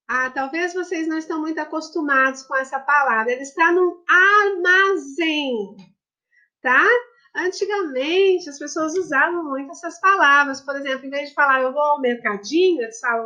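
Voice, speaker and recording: A woman's voice: high-pitched, normal speed, sharp tone, muffled recording. A woman, a primary school teacher recording a lesson for children, explaining patiently and affectionately step by step.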